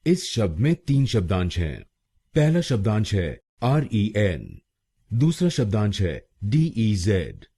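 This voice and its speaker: Slow, husky man teaching pronunciation. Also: on the low side, warm tone. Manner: spells out and repeats each syllable. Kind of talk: scripted pronunciation lesson.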